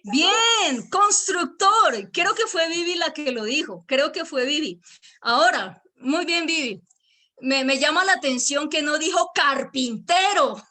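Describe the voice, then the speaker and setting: A woman's voice: high-pitched, expressive, a little slow, pushed and bright. A woman with a Boyacá Colombian accent preaching a virtual church sermon, emphatic, repeating key words and putting questions to her listeners.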